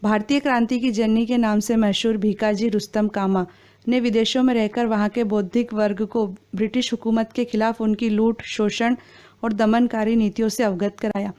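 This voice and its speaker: Woman reading quiz answers, smooth voice. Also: fairly high pitch, moderate pace. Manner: steady formal recitation. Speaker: exam quiz narrator.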